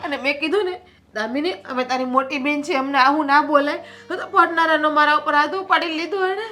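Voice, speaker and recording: An actress playing a scheming elder sister-in-law in a family drama. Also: female voice, high voice, brisk, bright, forceful tone. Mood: aggrieved.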